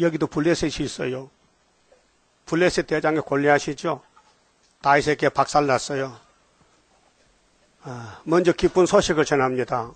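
A man with a Gyeongsang Korean accent preaching a sermon in a lively way, often firing questions at his congregation. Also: on the high side, no room sound. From Gyeongsang region, Korea. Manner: animated, questions the congregation, jumps between topics. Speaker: pastor.

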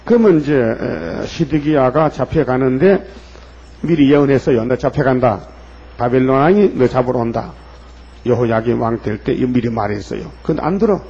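A man's voice: mid-range voice, animated, normal speed, warm tone, breathy edge. A man preaching a sermon in an emphatic way, firing pointed questions at his listeners. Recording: dull lo-fi recording.

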